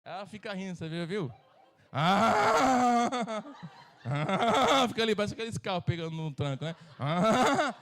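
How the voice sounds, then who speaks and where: Brazilian pastor with a lively, joking delivery. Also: male voice, sits high, very fast, few pauses. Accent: Brazilian Portuguese. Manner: humorous, acts out quoted voices. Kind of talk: sermon. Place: church service.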